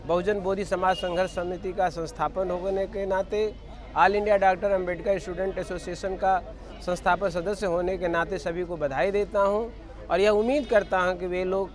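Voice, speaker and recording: A man giving a measured, formal statement to a reporter outdoors, pausing with fillers. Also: sits high, fairly even intonation. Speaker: interviewee, association general secretary.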